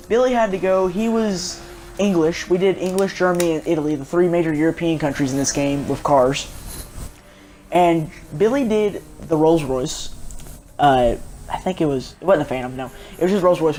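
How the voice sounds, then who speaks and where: A young man, chatting casually and jokily as he reviews a racing game car for his viewers. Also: a little high. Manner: rambling, jokey, chatty, talks straight to viewers. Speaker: gaming video host.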